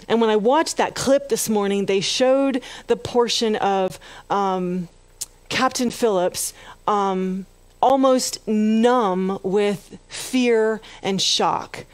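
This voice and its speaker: A woman's voice: medium pitch, slow pace, clean tone, no room sound. A woman pastor preaching a sermon, retelling a story and building to fervent emphasis. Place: church.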